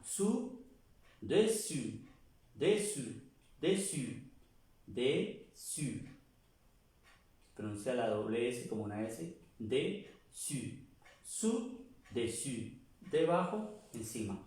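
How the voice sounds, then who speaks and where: A man teaching a lesson at a very slow, deliberate pace, repeating each word several times. He sits some way from the mic, and his voice rings around a very echoey room. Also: mid-range voice, a little mellow, distant mic. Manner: repeats words slowly, pauses and searches a dictionary. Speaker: French teacher.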